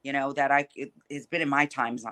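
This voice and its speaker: Feisty, forceful woman fighter with a bright voice. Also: very deep voice, flat delivery, fairly quick. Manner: feisty, combative and blunt, swearing freely. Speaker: professional fighter interviewed. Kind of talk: casual, heated trash talk in an interview.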